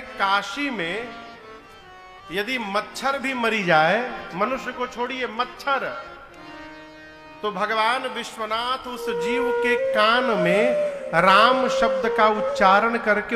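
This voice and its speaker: A male preacher giving a devotional sermon, switching between sung verses and storytelling while addressing his audience. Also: high voice. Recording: echoey hall with music. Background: devotional music.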